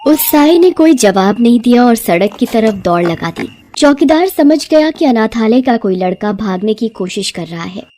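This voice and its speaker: A woman with a fairly high voice narrates a scripted moral story, her pitch swinging in lively arcs for an expressive, dramatic storybook effect. She keeps a moderate pace with few pauses, and a slight hiss or hum sits in the recording.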